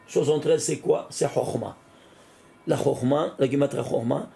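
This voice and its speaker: A man, a rabbi, giving an animated Torah lesson, often exclaiming and putting questions straight to the listener. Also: mid-range voice, moderate pace, creaky, a little hiss or hum. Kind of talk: lively spoken Torah lesson.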